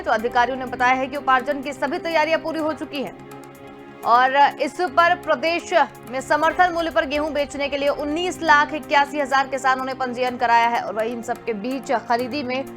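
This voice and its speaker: A woman news anchor asking a correspondent questions and reading bulletin items. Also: high voice. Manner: reads bulletin items smoothly.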